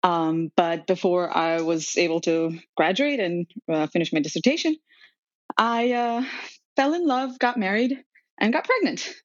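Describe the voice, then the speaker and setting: A Serbian woman in her thirties, appearing as a podcast guest, tells her story in a chatty, conversational way, full of ums and laughter. Her voice is lowish and a little slow, with no echo, and the recording sounds dry, dull, and lo-fi.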